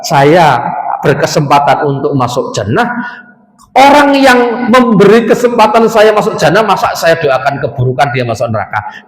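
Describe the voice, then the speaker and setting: A man preaching a sermon in an animated way, acting out the voices of the people in his stories. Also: fairly high pitch. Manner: animated, acts out quoted voices, mixes in Javanese words. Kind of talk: Islamic study sermon. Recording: echoey hall, long reverb.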